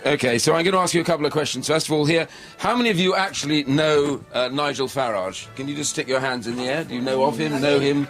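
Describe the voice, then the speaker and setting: A man hosting a live radio show, brisk and chatty as he greets a line of guests in the studio. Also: fairly high pitch, a bit bright, soft background music. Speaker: radio host. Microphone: studio microphone.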